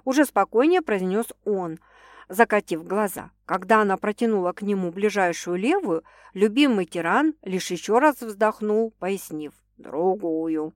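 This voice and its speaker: Woman reading a story, calm and soft, dry close sound. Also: medium pitch, moderate pace, no room sound. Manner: calm, soft-spoken attributions. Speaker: audiobook narrator. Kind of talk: scripted narration.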